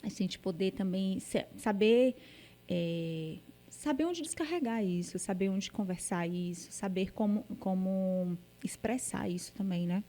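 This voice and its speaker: A Brazilian woman hosting a casual podcast conversation. She speaks with a warm, mellow tone, searching for words as she thinks aloud and checking in with her guest often. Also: medium pitch, measured pace. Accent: Brazilian Portuguese. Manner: hesitant, thinking aloud, many tag questions. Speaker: podcast host.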